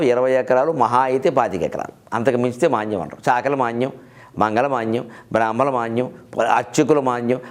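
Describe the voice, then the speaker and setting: Middle-aged male lecturer with a slightly high voice, storytelling style, with humorous asides and verses quoted slowly. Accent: Telugu. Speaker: literary speaker and host.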